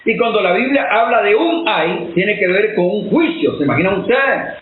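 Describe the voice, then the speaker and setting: A man's voice: high voice, expressive, normal speed. A man preaching a sermon-style Bible teaching, emphatic and often firing questions at his listeners. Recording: tinny phone-like line, echoey, faint hiss.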